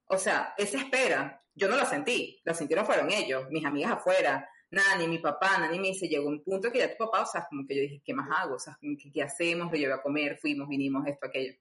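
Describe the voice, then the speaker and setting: A woman's voice: deep voice, fast talker, hardly any pauses, a bit bright. A woman telling a personal story, chatty, with many fillers and acted-out dialogue. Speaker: guest. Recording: roomy echo.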